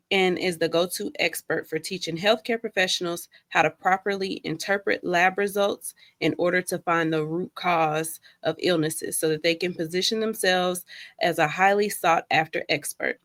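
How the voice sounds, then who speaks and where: A woman's voice: lowish voice, steady tone, moderate pace, a bit bright. A woman hosting a podcast, reading a guest introduction and chatting in an upbeat way. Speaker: podcast host. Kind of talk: scripted guest introduction and casual chat.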